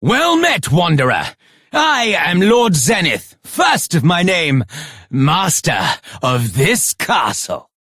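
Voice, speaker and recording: A man's voice: sits high, fairly bright tone, no echo, clean studio sound, heavily acted. A man voicing a pompous, regal castle lord in a fantasy game, making grandiose proclamations in archaic speech. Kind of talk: scripted fantasy game dialogue.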